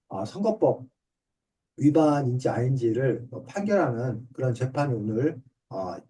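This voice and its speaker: A middle-aged author and reading teacher politely breaks things down step by step in simple terms, answering a student's questions in an online book discussion class. His voice is medium in pitch with a dark tone, coming through a distant mic on the video call.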